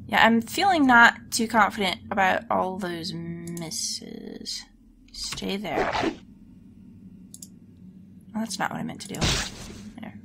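A woman's voice: mid-range voice, sing-song, slow, creaky, pauses often. A woman with a scratchy, sore-throat voice gives casual video game commentary as host, chattily thinking aloud as she plays. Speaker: host of a let's play series.

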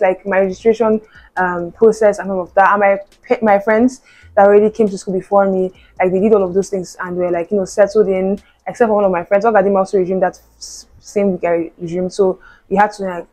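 A woman's voice: mid-range voice, darkish tone, low-quality recording. A young woman, a university student chatting casually to camera, full of "like" and "you know". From Nigeria. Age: young adult. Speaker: vlogger.

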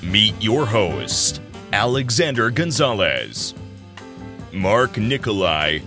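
Male announcer doing a show intro, bouncy pitch, slow, loud guitar music behind. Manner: lively announcer delivery.

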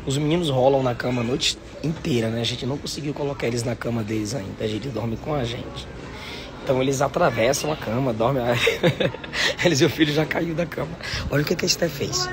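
A Brazilian pastor vlogging a trip in a busy airport, chatty and exasperated, often laughing. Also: male voice, medium pitch. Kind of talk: casual travel vlog to camera.

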